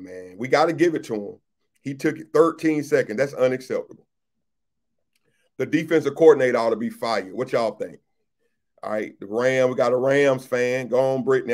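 A man's voice: mid-range voice, darkish tone. Pastor guy hosting a livestream, easygoing chat with viewers, says stuff twice, mid voice. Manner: chatty, repeats phrases, greets viewers by name. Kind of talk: casual livestream chat reading viewer comments.

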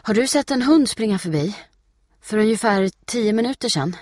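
A man reading aloud, voicing a frantic young girl who shouts and pleads breathlessly. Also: sits high, animated, no room sound, clean studio sound, voice pushed up, exaggerated voice. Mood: urgent. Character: frantic young girl calling for her lost dog.

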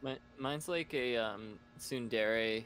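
A man's voice: mid-range voice, takes it slowly, a bit bright, faint music behind. A man playing a game with friends, reacting in a laid-back way in casual chat. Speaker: guest player.

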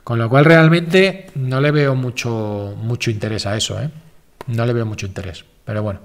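A man's voice: mid-range voice, normal speed. A man hosting a casual live stream, answering viewer questions in a rambling, self-correcting, informal way.

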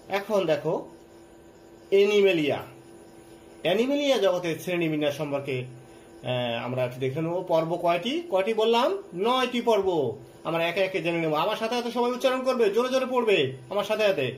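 High-voiced male science teacher. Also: a little hiss or hum, rough recording. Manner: repeats key terms, asks and answers his own questions. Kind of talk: online class lecture.

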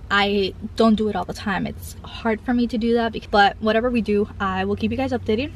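This young Cuban-family mom talks a little fast in a mid-range voice, with background noise behind her. She rambles through a casual confessional vlog, heavy on "like" and "I feel like," moving from a parked car to an outdoor park. The camera sits on the dashboard or is held close.

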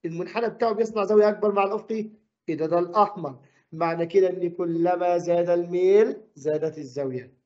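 Fast high-voiced Egyptian male teacher. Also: warm tone, lo-fi sound. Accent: Egyptian Arabic. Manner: quizzes the class with quick questions. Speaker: physics teacher. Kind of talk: classroom lesson.

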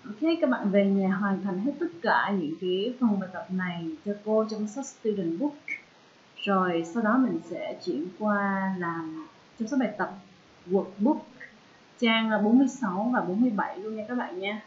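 A woman with a Vietnamese accent teaching an English lesson to children, drilling sounds slowly and switching between English and Vietnamese. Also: mid-range voice, dull audio.

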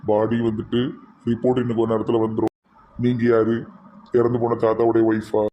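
A man's voice: lowish voice, completely flat delivery, a little fast, highs cut off, slight background noise, close to an everyday voice. A man playing a brusque village policeman with a Kanyakumari accent. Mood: stern. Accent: Kanyakumari Tamil. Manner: brusque, commanding. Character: stern village policeman questioning the family.

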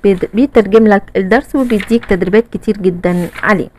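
A woman teacher with an Egyptian Arabic accent goes through a primary English textbook in a casual, chatty lesson. She often says "okay" and "tamam," uses fillers, and chants short sing-song rhymes. Her medium-pitched, slightly mellow voice moves quickly in a low-quality recording with slight background noise.

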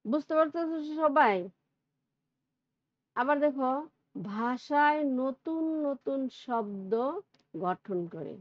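A woman's voice: high-pitched, expressive, slow pace, long pauses, no room sound. A woman teacher with a Bangladeshi Bengali accent, giving a recorded grammar lesson and explaining step by step with questions to her students. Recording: dull lo-fi recording.

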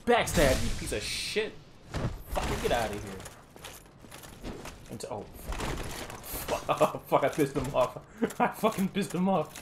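Woman, gameplay commentary, profane and laughing, lowish voice, clear background noise. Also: sing-song, slow pace, long pauses. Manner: profane, laughing, yelling at the game. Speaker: gaming streamer.

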